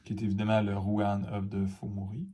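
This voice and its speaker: A man's voice: fairly low pitch, flat delivery, fairly quick, dark tone, slightly rough. A man with a Quebec French accent, chatting casually to camera as he opens cards and reacts to each one, rambling with fillers and asides. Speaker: card-opening video host. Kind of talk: casual unboxing chat to camera.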